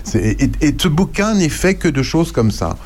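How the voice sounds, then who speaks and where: Male co-host, enthusiastic and halting, reads passages aloud. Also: a little high, big pitch swings, darkish tone. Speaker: radio co-host. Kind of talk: casual radio chat, reading aloud.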